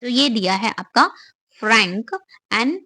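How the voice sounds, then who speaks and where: A woman's voice: a little high, takes it slowly, pushed and bright, no echo. A young adult woman, giving an online exam-prep lecture, explaining step by step and asking and answering her own questions.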